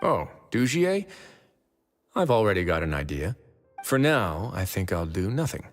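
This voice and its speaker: An actor playing a calm, wry, quietly threatening duke who runs a prison fortress in a video game. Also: male voice, low voice, a little slow. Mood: calm, reflective. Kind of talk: English video game voice acting. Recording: echoey, game music underneath.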